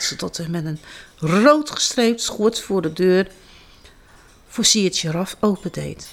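Woman storyteller, children's book, expressive and sing-song, wide melodic range. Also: mid-range voice. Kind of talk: storybook reading aloud.

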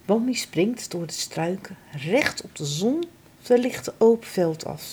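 A woman reading a children's storybook aloud in an expressive, dramatic way. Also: mid-range voice, measured pace, husky.

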